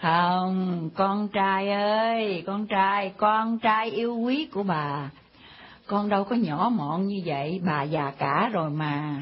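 An actress playing a cantankerous old grandmother who scolds and insults, with a husky voice. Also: sits high, animated, normal speed. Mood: mock-sweet. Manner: scolding, insulting, mock-sweet. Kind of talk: comedy skit acting. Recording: dull lo-fi recording.

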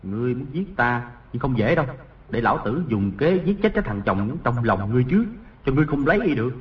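A man's voice: medium pitch, sing-song, fast talker, distant mic, natural voice. Man playing a cocky teenage boy, scheming, crude and boastful, audiobook character, dull lo-fi recording. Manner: boastful, crude inner thoughts.

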